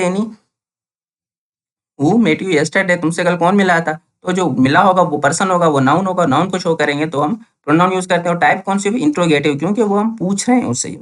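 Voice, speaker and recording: A young man teaching English grammar in Hindi with Urdu words, repeating each point and asking questions that he answers himself. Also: high-pitched. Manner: repetitive, asks questions and answers them himself. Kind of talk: classroom-style lesson.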